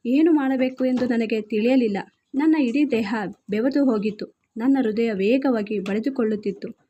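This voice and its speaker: A woman narrating a scripted first-person story in a steady, earnest reading. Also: fairly high pitch, lo-fi sound.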